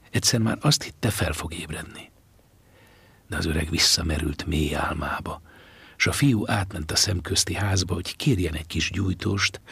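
A man reads a novel aloud in a slow, hushed, half-whispered way. His voice is very deep and thick with gravel and breath. He sits close to the microphone in a dead, dry space. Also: dry recording. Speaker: audiobook narrator. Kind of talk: literary audiobook narration.

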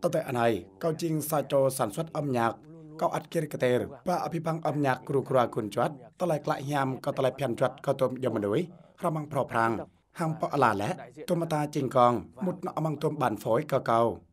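A man giving scripted narration for a television feature, reading in a steady, even way. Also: mid-range voice, moderate pace. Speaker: news narrator.

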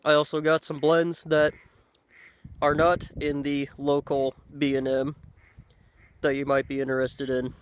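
Easygoing man chatting outdoors, slightly higher voice. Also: monotone, a little slow, long pauses, slight background noise. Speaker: pipe-smoking video blogger. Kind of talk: casual chat to camera. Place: outdoors by a lake in woods. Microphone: handheld camera at arm's length.

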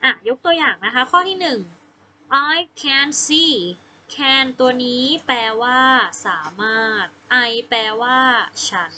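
Slow, high-voiced Thai woman teaching English. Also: slight background noise, poor audio. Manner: spells out words sound by sound, gentle prompting questions. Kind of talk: slow, patient classroom instruction.

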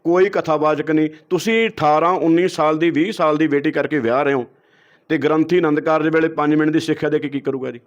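A man's voice: fairly high pitch, fairly even intonation, quick pace. A man with a Punjabi accent, a guest giving heated interview answers, lecturing and throwing out rhetorical questions. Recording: dull lo-fi recording.

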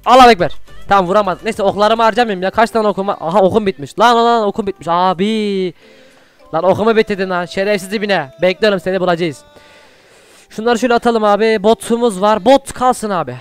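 Fast-talking, high-voiced young man. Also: clean tone, no echo, faint music behind. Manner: excitable, shouts during fights, chatty asides to viewers. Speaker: gaming YouTuber. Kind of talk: Minecraft gameplay commentary.

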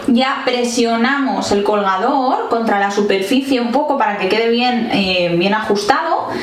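A woman in her thirties from Spain with a Peninsular Spanish accent, presenting a home how-to tutorial in a kitchen and explaining each step to viewers. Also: fairly high pitch. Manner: friendly, explanatory, addresses viewers directly. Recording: echoey tiled kitchen.

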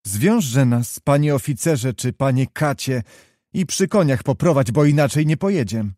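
A man's voice: mid-range voice, expressive, normal speed, dark tone, no room sound, studio quality, close to an everyday voice. Man voicing a proud, scornful young noblewoman. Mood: defiant. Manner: defiant, contemptuous.

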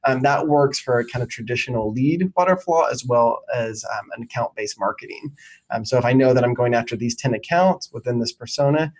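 A man's voice: medium pitch, fairly quick, darkish tone, low-quality recording. Thirties male exec, confident explainer, video-call sound. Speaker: marketing executive guest. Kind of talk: business interview answers. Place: home office, indoors.

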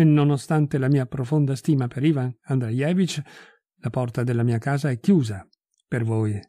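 A man voicing a fussy, effusive older society lady in a read-aloud story, with a dark, husky voice. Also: medium pitch, dry recording, studio quality, heavily acted. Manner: effusive and fussy, turning cold and solemn.

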